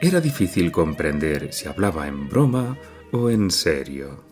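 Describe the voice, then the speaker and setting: A man narrating an audiobook with an expressive, dramatic reading. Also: very deep voice, a little slow, faint music behind.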